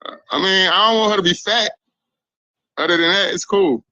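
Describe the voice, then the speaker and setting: A man from Israel, a guest on a live dating interview, giving short, flat answers. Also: high voice, brisk, no room sound, lo-fi sound.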